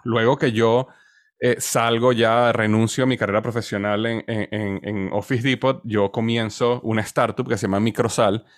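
A man's voice: lowish voice, no echo, studio quality. A man in his forties with a Venezuelan accent, a podcast guest telling his story in a conversational, hesitant way, often repeating words as he searches. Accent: Venezuelan Spanish. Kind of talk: conversational interview answer.

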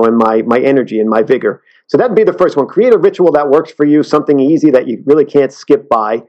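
A man talking as an interview guest, earnest and halting, often restarting his sentences. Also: mid-range voice, lo-fi sound. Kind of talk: casual interview talk.

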